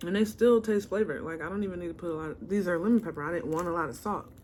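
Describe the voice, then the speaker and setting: A woman's voice: lowish voice, racing, a little mellow, slight background noise. Chatty woman eating between remarks. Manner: chatty, talks between bites with murmurs of enjoyment. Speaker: mukbang host. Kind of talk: casual eating-show chat.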